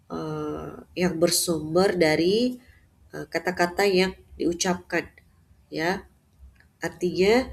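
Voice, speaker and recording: Slow, measured woman giving a lecture. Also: on the low side, creaky. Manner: measured, with frequent "eh" fillers and "ya" tags. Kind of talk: unscripted lecture.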